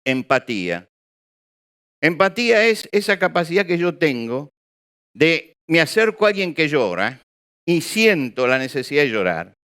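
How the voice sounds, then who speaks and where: A male preacher speaks to a congregation. His voice is fairly high for a man, smooth and resonant, and it moves freely up and down. He keeps the room with him through rhetorical questions and acted-out examples. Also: very animated, unhurried, fairly bright tone. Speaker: pastor. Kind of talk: sermon. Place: church or hall with an audience.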